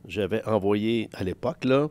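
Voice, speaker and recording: A man's voice: on the low side, moderate pace, a little mellow. A man in his fifties with a Québécois French accent, a sports journalist guest telling career anecdotes with quoted dialogue. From Quebec. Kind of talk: casual podcast interview storytelling.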